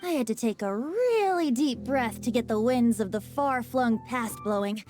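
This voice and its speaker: A playful, wine-loving wind god in the form of a young bard, voiced by a woman in a video game. The voice sits high and swings through a lively sing-song range, teasing and often breaking into laughter. Faint game music runs underneath. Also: normal speed, close to an everyday voice. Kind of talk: video game character dialogue.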